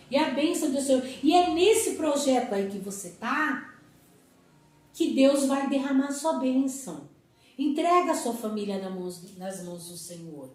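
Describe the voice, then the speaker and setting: A woman leads a church lesson for young people in a lively, animated voice that sits a little high, often acting out family conversations. Her voice rings through a very echoey hall and is picked up from some distance. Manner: animated, acts out family dialogue. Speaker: Sunday school teacher.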